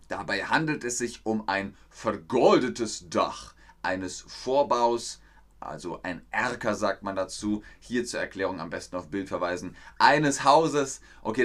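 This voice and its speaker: A man teaching a livestreamed German lesson, explaining words slowly and reading out viewer comments. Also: mid-range voice, fairly bright tone.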